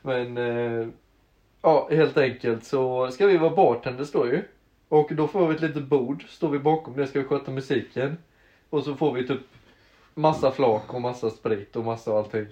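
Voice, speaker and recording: A young podcast co-host with a warm, mid-range voice tells stories full of laughter and plenty of swearing in casual conversation. The sound is roomy, dull, and lo-fi.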